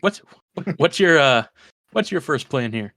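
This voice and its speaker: Laid-back podcast host, dry sound. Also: male voice, a little high, animated, unhurried, sharp tone, dry recording. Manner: laid-back, joking, slangy. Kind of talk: casual podcast chat.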